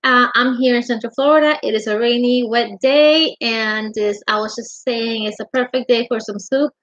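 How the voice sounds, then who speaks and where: A woman's voice: fairly high pitch, moderate pace, fairly bright tone. A middle-aged woman hosting a casual livestream from her home craft room, chatting affectionately and greeting viewers as honey. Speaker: livestream host. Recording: dull lo-fi livestream audio.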